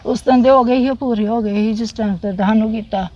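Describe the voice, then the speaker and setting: A middle-aged woman with a Punjabi accent from the Jammu region, a soldier's widow recounting memories in a plain, halting way with repeated phrases. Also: on the high side, steady tone, a little mellow, muffled recording.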